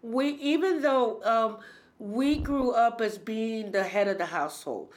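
A New York City artist in her sixties, appearing as a guest in a relaxed interview, speaks haltingly as she hunts for words. Her voice sits on the high side.

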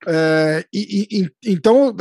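A man's voice: high-pitched, animated, takes it slowly, darkish tone, dry recording, studio quality. A man with a Brazilian accent hosting a casual podcast chat in slangy, sweary, informal speech. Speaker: podcast host.

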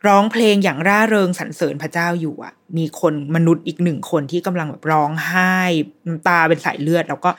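A woman hosting a podcast, chatting casually as she reviews a TV series, retelling scenes in an animated, restarting way. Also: lowish voice, fast talker, hardly any pauses.

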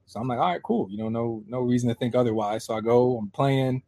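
A man in his thirties from Pennsylvania, a guest telling his life story in a casual, animated way. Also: medium pitch, fast. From Harrisburg, Pennsylvania. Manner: lively, animated storyteller acting out quoted voices.

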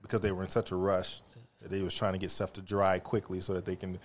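Man, low voice, podcast co-host, relaxed explainer, casual chat. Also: fast talker. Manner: explains things at length, relaxed.

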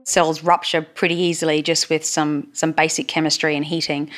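A woman's voice: deep voice, level tone, normal speed, fairly bright tone. A woman with a Queensland Australian accent explaining things informally as a forensic science expert in an interview.

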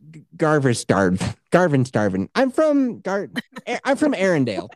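Animated self-mocking woman storyteller. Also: sits low, normal speed, dry recording, clean studio sound. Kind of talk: casual chat.

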